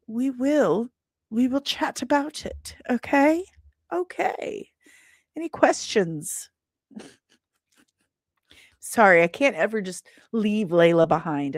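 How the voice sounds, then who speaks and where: This British comic book writer hosts a casual livestream, talking playfully and emphatically to her audience. Her voice is on the high side, captured in a dry, studio-quality recording.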